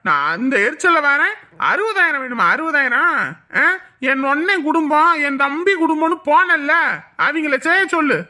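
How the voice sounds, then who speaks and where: A harsh, bitter husband snaps orders and mutters threats of revenge. His voice is high and piercingly sharp, and it stays cold and bossy throughout. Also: animated, normal speed, full character voice. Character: bitter, angry husband, vengeful.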